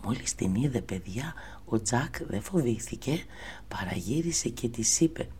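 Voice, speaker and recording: Husky, half-whispering woman storyteller. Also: a bass voice, expressive. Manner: soft, half-whispered, addresses children often. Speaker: storyteller reading to children. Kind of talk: children's story narration.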